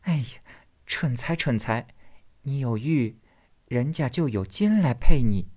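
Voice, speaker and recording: A man voicing a sharp-tongued, teasing young noble girl in a storybook reading, his voice raised high and soft. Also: expressive, a little slow, breathy edge. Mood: mocking. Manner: coy, mocking, playful.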